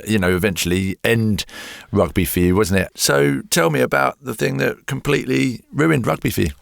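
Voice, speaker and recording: A man's voice: medium pitch, moderate pace, vocal fry, no room sound, studio quality. A man hosting a podcast, asking reflective, probing questions of his guest. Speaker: podcast host. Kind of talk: interviewing. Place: podcast studio.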